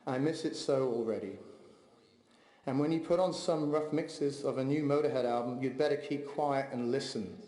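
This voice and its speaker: A long reverb fills the echoey recording as a son reads aloud a heartfelt eulogy at his father's memorial in a large hall. He speaks steadily and in a measured way, in a mid-range voice.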